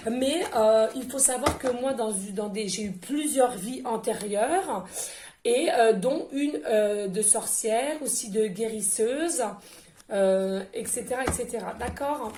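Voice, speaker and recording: A woman's voice: fairly high pitch, slow. A woman medium doing an oracle card reading for her viewers in a casual, effusive way, full of fillers and repetitions. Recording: echoey room with faint noise.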